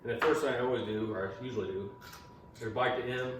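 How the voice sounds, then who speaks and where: A man's voice: medium pitch, steady tone, fast. A man, a father, giving a chatty, explanatory home cooking demonstration with some teasing. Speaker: home cook and channel host, a father. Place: home kitchen. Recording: echoey room, mic far off, faint noise.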